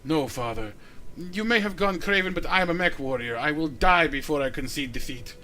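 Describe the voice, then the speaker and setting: An actress playing a proud, defiant young warrior daughter in a video game, speaking with intensity. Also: female voice, low-pitched, expressive, normal speed, pushed and bright, slight background noise. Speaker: game character.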